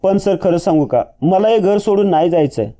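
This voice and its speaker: A man voicing a gentle young daughter-in-law who speaks hesitantly and softly. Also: high-pitched, lively intonation, fairly quick. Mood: worried, hesitant. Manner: hesitant, soft-spoken.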